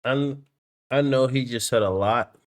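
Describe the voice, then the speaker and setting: A man hosting a reaction video, chatting casually and excitably, swearing freely. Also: mid-range voice, measured pace.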